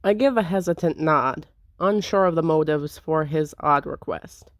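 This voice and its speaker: A woman's voice: deep voice, moderate pace, no echo. A young woman hosting a let's play, narrating a visual novel and chatting casually and wryly about it on a close desk mic. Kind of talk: game commentary and narration.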